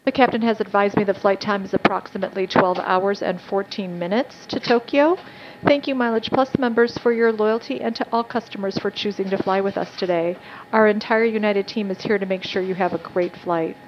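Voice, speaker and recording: A woman's voice: mid-range voice, steady tone, fairly quick. Woman on a plane cabin PA. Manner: scripted, courteous announcing. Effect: over the cabin loudspeaker. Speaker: flight purser. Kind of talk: cabin PA announcement. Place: airliner cabin. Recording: muffled PA with cabin hum.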